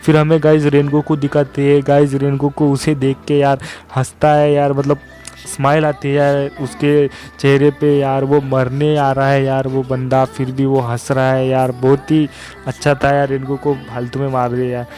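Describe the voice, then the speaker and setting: A man's voice: medium pitch, monotone, moderate pace, dark tone. A young man casually retelling an anime episode as a recap narrator, who keeps saying "guys" and "yaar" as he goes. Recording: faint music behind.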